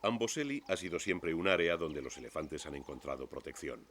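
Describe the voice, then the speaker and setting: A man narrates a scripted nature documentary in a measured, expository storytelling manner. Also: extremely low pitch, animated, fairly bright tone, a little hiss or hum.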